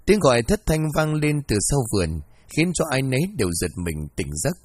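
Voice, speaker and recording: Husky-voiced male horror narrator. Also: medium pitch, no echo. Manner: steady storytelling.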